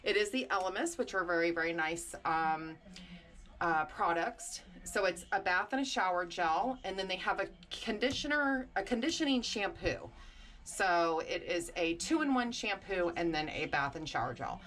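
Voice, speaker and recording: A woman's voice: on the low side, expressive, moderate pace, fairly bright tone. Chatty woman giving a room tour. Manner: chatty, pointing things out as she walks. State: a little out of breath. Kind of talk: casual room tour narration.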